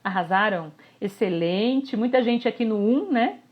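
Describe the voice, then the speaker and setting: Animated woman coaching online. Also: fairly high pitch, a little slow. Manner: animated, constant check-ins with listeners. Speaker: communication coach. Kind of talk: live online workshop talk. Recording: slightly dull lo-fi audio.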